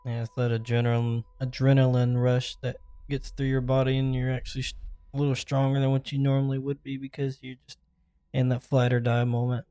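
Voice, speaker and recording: A man co-hosting a podcast, making calm remarks in casual chat. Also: mid-range voice, fairly quick, clean tone, no echo, studio quality. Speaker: podcast co-host.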